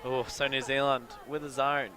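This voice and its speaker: A man commentating live on a sports match, calling the plays quickly and getting excited over good catches. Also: medium pitch, soft background music. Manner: excitable, quick calls of the play. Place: outdoors at a sports field. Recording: crowd noise at an outdoor field. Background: cheering crowd.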